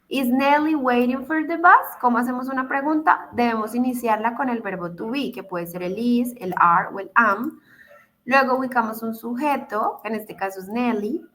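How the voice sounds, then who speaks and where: A woman's voice: a little high, a bit bright. A woman teaching English grammar in an online class, explaining patiently, repeating each step and checking in with her students. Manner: patient, repeats steps, asks "¿listo?" to check.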